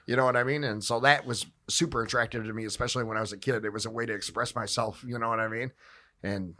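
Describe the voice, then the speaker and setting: A man in his forties chats loosely about the music that shaped him, rambling and laughing easily. His voice is bright and forward, at a middle pitch. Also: fairly even intonation, quick pace. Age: 40s. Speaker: guitarist and songwriter. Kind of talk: casual podcast chat.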